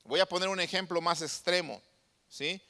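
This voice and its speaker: A high-voiced man preaching a sermon, leaning hard on his points and throwing rhetorical questions at his listeners. His voice is bright and forceful. A long reverb rings around him. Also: normal speed.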